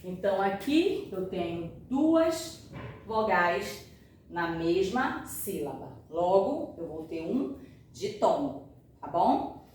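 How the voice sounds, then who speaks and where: Slow-spoken woman teacher in an echoey room. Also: lowish voice, big pitch swings, darkish tone. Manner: slow, patient, checks understanding often. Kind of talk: classroom grammar lesson. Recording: echoey room, far from mic, faint noise.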